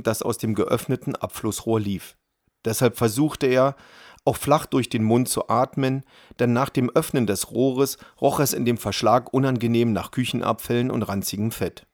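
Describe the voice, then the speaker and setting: A man narrating an audiobook in an even, measured reading. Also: medium pitch, no room sound, clean studio sound. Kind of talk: scripted narration.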